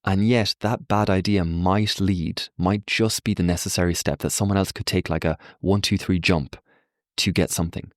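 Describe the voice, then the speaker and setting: Podcast guest, young man, deep voice, lively storyteller, close dry sound. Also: normal speed, no room sound. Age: young adult. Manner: animated, acts out quoted voices, frequent fillers. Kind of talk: reflective conversational explanation. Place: Ireland.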